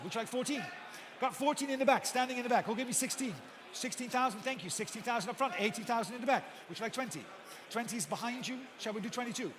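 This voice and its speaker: Guy auctioneer calling bids really fast, repeating numbers over and over, polite but pushy, big echoey hall w some background noise. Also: very high-pitched. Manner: repetitive, insistent chanting of numbers and bids. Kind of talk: live auctioneer bid calling. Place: large auction hall with bidders present.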